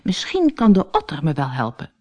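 A woman's voice: wildly swooping pitch, moderate pace, exaggerated voice. A woman voicing a small, worried young male stoat in a children's storybook, anxious and pleading. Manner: anxious, pleading, high and bright.

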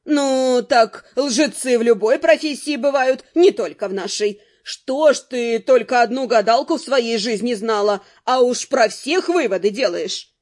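A bold southern fortune-teller woman with slow, drawn-out, coaxing patter, as the audiobook reader puts her on. The voice sits high and rings out loudly. She sounds sly and insistent, like she won't take no for an answer. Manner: drawling, coaxing sales patter.

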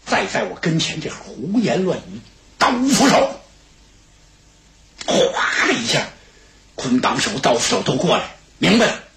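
A man's voice: on the high side, huge pitch swings, unhurried, gravelly, pauses often, echoey room, background noise, heavily acted. A male storyteller voicing a blustering, angry older enemy marshal who bellows indignantly. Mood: furious.

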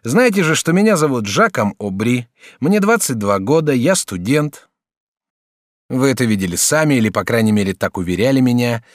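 A male audiobook reader voicing a courteous, talkative young student in his early twenties who speaks with a raised, excitable voice. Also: medium pitch, normal speed, no echo, studio quality, close to an everyday voice. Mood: eager. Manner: bright, animated, polite and excitable. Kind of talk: audiobook character reading.

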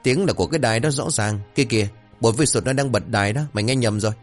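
A man's voice: medium pitch, soft background music, pitched above the performer's own voice, lightly acted. A man voicing a cheeky young village rascal who rattles off insults and blithely denies everything. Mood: breezy denial. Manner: brash and mocking, rapid-fire insults. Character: cheeky brash village boy, shameless liar.

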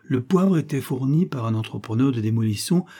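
A male narrator reads a short story aloud in a measured, theatrical way. His voice is mellow and dark, with a husky edge. The delivery is steady and unhurried. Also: medium pitch.

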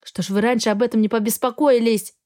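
A woman's voice: on the high side, steady tone, quick pace, mellow, natural voice. Woman voicing a defiant young bride. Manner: stubborn, protesting.

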